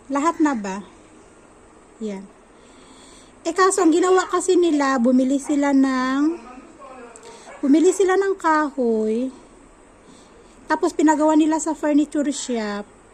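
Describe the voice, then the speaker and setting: A woman's voice: sits high, a little mellow. A woman vlogger at home, rambling through a gossipy story in a casual, chatty way and repeating herself. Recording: noisy home recording.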